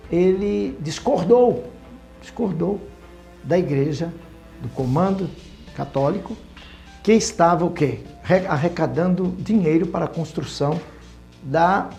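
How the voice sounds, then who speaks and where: A man with a Brazilian Portuguese accent giving a Bible study lesson, talking in an unhurried, hesitant way with fillers and restarts. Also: fairly high pitch, gravelly, a little mellow. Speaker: Bible teacher.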